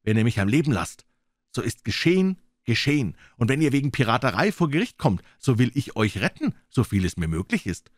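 A man's voice: medium pitch, sing-song, fairly quick, no room sound, clean studio sound, voice pushed up. A man reading an audiobook, voicing a defiant young cabin boy facing pirates.

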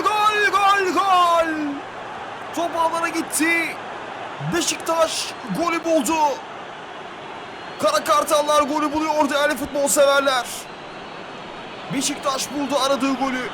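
A man giving excited live football commentary, screaming out goal calls in repeated bursts. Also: extremely high pitch, measured pace, pauses often, background noise.

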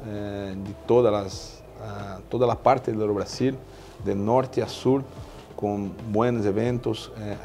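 Brazilian man speaking halting Spanish. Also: on the low side, warm tone, slight background noise. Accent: Brazilian Portuguese. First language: Portuguese. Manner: halting, with many fillers and restarts. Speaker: veterinarian in equine nutrition. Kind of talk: interview answers. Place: indoor exhibition stand. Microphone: lapel.

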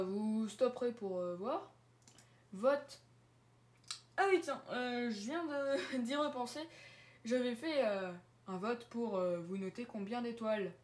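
A woman casually walking viewers through her online chat servers on screen, hesitant with many fillers and small giggles. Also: on the high side. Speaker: Discord server owner showing her servers. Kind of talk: casual screen-share walkthrough. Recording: roomy echo.

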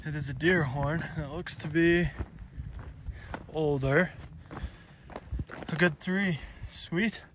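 A man's voice: a little high, takes it slowly, long pauses, fairly bright tone, slight background noise. A young man talking casually to a phone camera while out hunting in open country, rambling with lots of fillers. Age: young adult. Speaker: shed hunting vlogger. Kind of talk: casual outdoor vlog. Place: outdoors in open scrubland. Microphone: phone camera held close.

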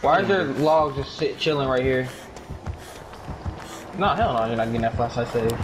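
A man's voice: mid-range voice, normal speed, background noise. Slangy, profane male gamer. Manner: profane, slangy, repetitive when excited. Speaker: video game player. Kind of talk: casual gaming chat with live reactions.

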